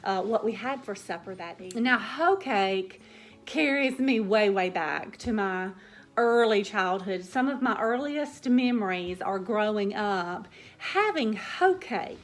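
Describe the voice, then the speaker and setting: A woman with a Southern US drawl, chatting gently to her viewers as the host of a home cooking channel. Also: mid-range voice. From Southern United States. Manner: gentle, slow, warm storytelling drawl. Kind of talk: casual chat to viewers.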